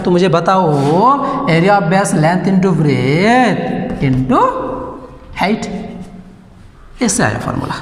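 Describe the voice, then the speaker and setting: High-voiced male teacher in an echoey room. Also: slight background noise. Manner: talks straight to the class, asks lots of questions, switches between Hindi and English. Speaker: maths teacher. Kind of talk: classroom lesson to students. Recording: echoey room with long reverb.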